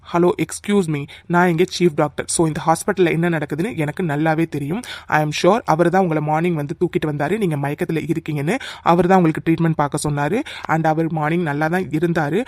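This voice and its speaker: A voice actor playing a self-assured cartoon chief doctor who talks in a brisk, dismissive way. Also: mid-range voice, no echo, close to an everyday voice. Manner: brisk and dismissive, mixes English phrases. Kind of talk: cartoon voice acting.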